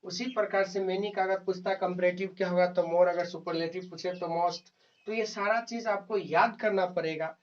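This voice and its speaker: A man teaching English grammar in a slow classroom explanation, repeating words, spelling them out letter by letter and answering his own questions. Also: high voice, fairly even intonation. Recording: distant, dull lo-fi mic.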